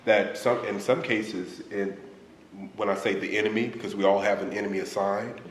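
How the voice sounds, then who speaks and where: A man's voice: fairly low pitch, steady tone, normal speed. A man with a stuffed-up nose leading a casual group class as pastor, thinking aloud with frequent restarts. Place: room with a group. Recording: echoey room, slight noise.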